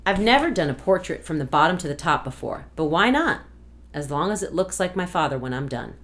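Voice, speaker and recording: A woman reading a novel aloud to a class as a guest reader, in an expressive storytelling manner. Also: low voice, a little fast.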